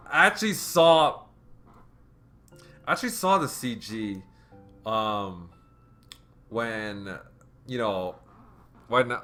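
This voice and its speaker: A man giving let's play commentary in a bright, forward voice. He rambles and gets emotional as he plays, with faint game music underneath. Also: medium pitch. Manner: emotional, rambling, filler-heavy.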